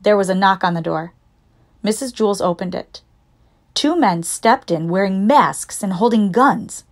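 A woman narrating a children's storybook in a lively, expressive reading voice. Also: mid-range voice, measured pace. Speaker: audiobook narrator.

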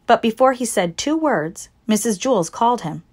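A woman's voice: on the high side, lively intonation, normal speed, darkish tone. Woman reading a children's book aloud. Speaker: audiobook narrator.

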